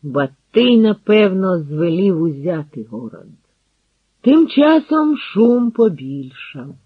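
A man narrating an audiobook in a measured, dramatic storytelling manner, recorded dry and tinny like over a phone line. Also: high-pitched, sing-song, breathy edge, no room sound. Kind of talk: dramatic literary reading.

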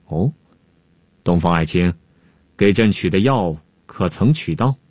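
A man voicing a stern, imperious male Han emperor who speaks in a low, commanding way. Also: animated, unhurried, a little mellow, no echo.

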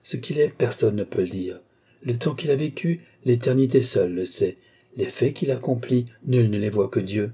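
A proud vengeful young woman, earnest and firm, low mellow voice with a husky edge, as a male audiobook reader gives her lines. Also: moderate pace. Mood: grave. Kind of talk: audiobook reading.

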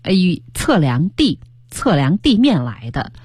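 A woman teaching English on the radio, her pitch rising and falling with lively variety. Her voice sits low and a little husky, with a dry studio sound. She quizzes the audience and spells words letter by letter. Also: no room sound. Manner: quizzes listeners, spells words, repeats terms slowly. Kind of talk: lively bilingual radio lesson.

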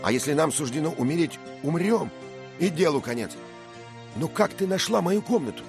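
A man's voice: deep voice, lively intonation, moderate pace, soft background music, voice pushed up. A man voicing a bold, impulsive young squire who speaks in fervent exclamations, in a read-aloud story. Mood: eager.

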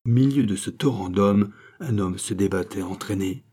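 A man narrating a classic novel as an audiobook in a measured, dramatic reading. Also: on the low side, warm tone, breathy edge.

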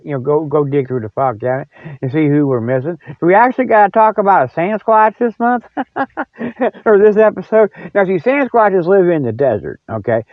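An older American podcast host with a voice on the high side rambles casually by himself, folksy and jokey, often breaking into chuckles. The recording is dry and comes across as dull lo-fi audio.

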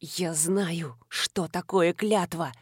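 A woman's voice: mid-range voice, expressive, a little slow, slightly rough, no room sound, studio quality. A woman voicing a fierce young warrior. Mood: grim. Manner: growling, forceful. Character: fierce young male warrior, grim and tormented.

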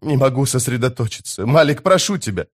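A man voicing a pompous, panicky male army commander who shouts frantically in a raised voice, in an audiobook. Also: high-pitched, big pitch swings, a little slow, pitched above the performer's own voice, full character voice. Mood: pleading.

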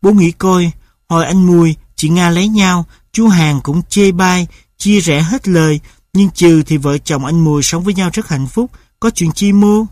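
A gentle young village woman pleads in a soft, sweet, raised voice, as a male storyteller puts her on. The sound is close and dry, like an audiobook reading. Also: fairly high pitch, measured pace, dry recording, natural voice. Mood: earnest.

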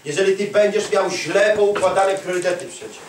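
A man preaching a charismatic sermon, swinging from shouted emphasis to hushed tones and firing rhetorical questions at the listeners. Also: sits high, normal speed, far from the mic. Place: church hall. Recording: echoey hall, speaker off-mic.

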